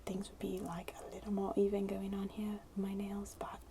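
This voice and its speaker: A woman speaking very softly and breathily in a casual, hesitant ASMR chat to viewers, in a hushed near-whisper. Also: mid-range voice, monotone, moderate pace. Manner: very soft, breathy, hushed delivery. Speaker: ASMR video creator. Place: indoors at a wooden table. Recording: clicky tapping noise over close voice. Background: fingernail tapping and scratching on glass bottle.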